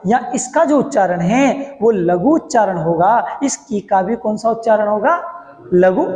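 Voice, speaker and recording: High-pitched male teacher, reverberant room; chants verse slowly, quizzes the class, answers himself. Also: a little mellow. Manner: recites verse lines slowly, then explains in quick bursts; quizzes students with questions, then answers himself. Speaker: Hindi teacher. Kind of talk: classroom lesson on poetic meter. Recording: echoey hall.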